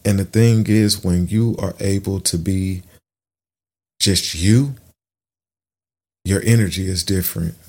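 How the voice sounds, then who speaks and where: Deep voiced middle aged guy talking slow and thoughtful to his listeners, lots of ums and restarts. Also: fairly even intonation, darkish tone. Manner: earnest, thoughtful, halting with fillers and restarts. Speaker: podcast host. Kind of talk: reflective personal monologue.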